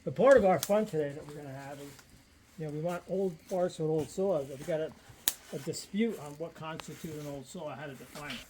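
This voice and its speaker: A man with a thin, squeaky, reedy voice, explaining things casually and unscripted in a rambling, halting way as he thinks aloud. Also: a little mellow, a little hiss or hum, rough recording. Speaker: vintage chainsaw hobbyist explaining features.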